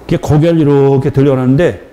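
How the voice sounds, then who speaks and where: A male pastor preaching a sermon in a church, telling an emotional personal story with acted dialogue and rising to near-shouting at its peaks. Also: mid-range voice, steady tone, quick pace.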